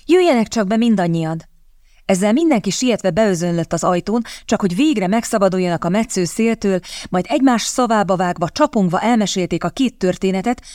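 A woman narrating a novel as an audiobook, in a measured, expressive reading. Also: mid-range voice, no room sound, studio quality.

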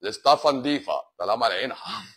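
A husky-voiced Egyptian man, a doctor on a live stream, rattles through viewer questions at a quick clip. He teases and mocks, and his pitch swings widely as he talks. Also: lively intonation, fairly bright tone. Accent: Egyptian Arabic. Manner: joking, teasing and sarcastic. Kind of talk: casual live Q&A reading viewer comments.

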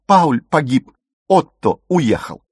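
A male audiobook reader voicing a sharp-tongued, reckless young woman in hiding, mocking and defiant, in a dry, close recording. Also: lowish voice, moderate pace, no echo, natural voice. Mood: scornful.

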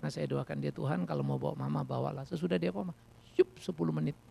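A middle-aged man preaching a sermon as a pastor, telling personal stories in a lively, animated way. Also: on the high side, fast talker. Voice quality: gravelly.

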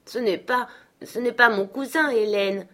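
A woman reader voicing a spoiled, haughty young girl who is quick to tears, speaking imperiously. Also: mid-range voice, pitched above the performer's own voice, natural voice. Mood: indignant. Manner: imperious, indignant. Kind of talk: audiobook character voice.

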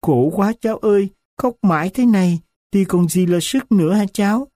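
A man voicing a weary, grieving old grandmother who speaks slowly in a low, choked voice. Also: mellow, dry recording, clean studio sound, close to an everyday voice. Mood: pleading.

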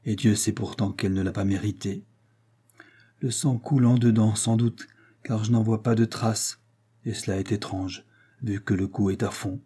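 A man's voice: fairly low pitch, steady tone, moderate pace, warm tone, husky. A man reading aloud, voicing an intense young Venetian swordsman who barks commands in a fight and turns distraught. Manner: urgent commanding fencing coach, later distraught.

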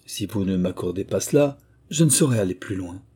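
A man's voice: sits low, expressive, a little fast, warm tone, breathy edge, heavily acted. A man voicing a boastful, mocking country squire in an audiobook, with showy, pseudo-learned bluster. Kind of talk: audiobook character reading.

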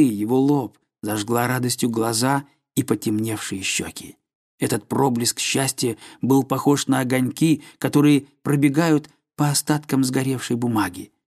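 A man reads a classic novel aloud as an audiobook narrator. His voice sits at an ordinary middle pitch. The reading is measured and literary, with dramatic pauses between phrases. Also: a little mellow.

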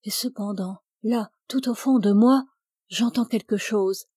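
Woman reads dying young man, anguished and pleading, slow and warm, dry close sound. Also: mid-range voice, husky, no room sound. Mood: despairing. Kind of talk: audiobook reading.

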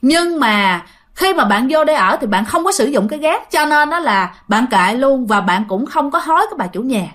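A woman tells a ghost story, talking to her listeners as friends. Her voice sits somewhat high. The delivery is relaxed and conversational. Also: moderate pace. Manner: chatty, addressing listeners directly.

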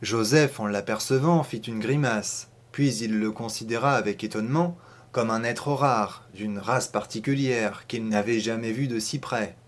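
Guy reading an old short story out loud, calm expressive storytelling. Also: fairly low pitch. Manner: measured, expressive literary reading. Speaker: narrator.

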